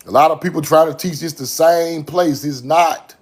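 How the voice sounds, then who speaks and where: A young man from Mississippi, USA, hosts an online video, talking casually to his chat audience in a preachy, emphatic way full of repeated catchphrases. His fairly high voice has fairly even intonation and a moderate pace.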